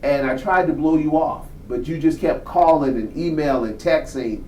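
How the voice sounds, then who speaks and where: A man's voice: on the high side, moderate pace, warm tone, roomy sound, far from the mic, a little hiss or hum, poor audio. A man in his fifties, a reverend, interviewing a younger guest in a probing way and repeating his questions. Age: 50s. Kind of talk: conversational interview.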